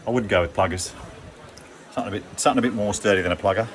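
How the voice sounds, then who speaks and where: A low-pitched middle-aged man vlogs on a phone held at arm's length. He talks casually and slangily in a laid-back way. Water splashes clearly behind him in an outdoor rocky canyon. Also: racing, a little hiss or hum. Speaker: vlogger. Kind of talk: casual chat to camera. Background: splashing, running water.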